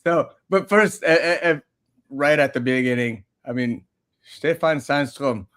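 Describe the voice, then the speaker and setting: A man's voice: medium pitch, a little slow, fairly bright tone. A man hosting a casual video podcast, teasing his guests and laughing often. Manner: playful, teasing, laughs a lot. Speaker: podcast host.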